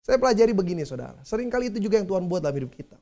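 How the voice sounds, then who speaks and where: Male pastor, mellow warm voice, relaxed conversational sermon delivery straight to the congregation. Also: high voice, very fast, gravelly. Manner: conversational preaching, addresses the congregation directly.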